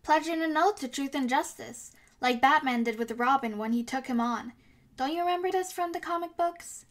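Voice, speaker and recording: High-voiced, tough Hit-Girl played by a woman. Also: normal speed, close to an everyday voice. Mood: earnest, bossy. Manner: confident, blunt, matter-of-fact. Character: tough, foul-mouthed, bossy young girl vigilante. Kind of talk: comic dub voice acting.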